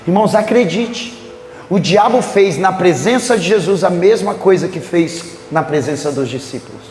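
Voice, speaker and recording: A man's voice: sits high, moderate pace. A male pastor preaching a conference sermon in a church, telling Bible stories and acting out their scenes with a Brazilian accent. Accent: Brazilian Portuguese. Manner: animated storytelling preacher who acts out biblical scenes. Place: church sanctuary during a conference service. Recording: echoey church hall with faint music.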